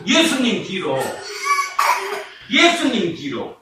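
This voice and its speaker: A male pastor preaching with a lively voice that leaps up and down. He keeps throwing questions at his listeners, stretches key words out slowly and breaks into laughs and shouts. The sound comes from a booming church hall, picked up from a distance. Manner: keeps asking the congregation rhetorical questions; animated, often laughing and shouting for emphasis. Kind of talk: sermon. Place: church sanctuary. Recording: echoey hall, mic far off, noisy.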